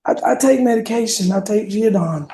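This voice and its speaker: A woman with a hoarse, sore throat, answering as a defendant in court, halting and stumbling over her words with many fillers. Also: mid-range voice, dark tone, poor audio. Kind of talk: courtroom testimony.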